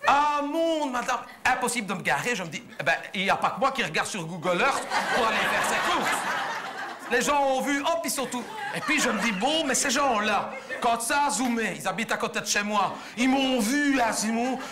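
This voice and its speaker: Crowd noise surrounds a man with a very high voice, lively intonation and normal speed. In a Belgian French accent, he plays a naive, gossipy middle-aged housewife on a theatre stage before a live audience. His stand-up monologue unfolds as chatty, indignant, breathless storytelling.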